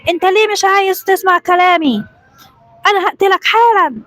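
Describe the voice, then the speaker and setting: A woman voicing a cruel, mocking male crusader knight leader who shouts orders in broken speech. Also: high voice, expressive, quick pace, no echo. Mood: menacing.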